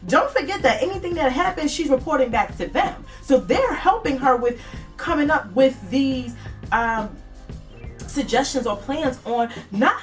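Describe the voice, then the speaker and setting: A woman's voice: fairly high pitch, far from the mic. A woman casually recapping a TV episode in a chatty, dramatic way, talking straight to her viewers. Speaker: TV recap vlogger.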